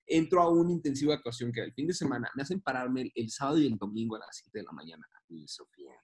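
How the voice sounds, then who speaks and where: A man with a Mexican accent tells stories as a comedian guest in a relaxed chat. His pitch sits mid-range for a man. He is animated and slangy, mocks himself, and jumps into other people's voices mid-story. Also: very fast. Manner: animated, slangy, self-mocking, acts out voices.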